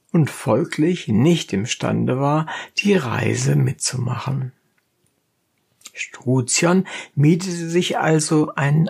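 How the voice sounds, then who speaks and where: Narrator for a classic satire, gravelly and husky, measured and slow. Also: medium pitch, a little mellow. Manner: measured, storytelling delivery. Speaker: audiobook narrator. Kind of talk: literary audiobook narration.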